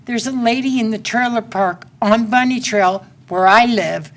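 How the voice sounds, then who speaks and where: A woman's voice: fairly high pitch, normal speed. A woman in her sixties with a Central Texas accent, pleading plainly during public comment at a city council meeting, speaking into a podium microphone. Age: 60s.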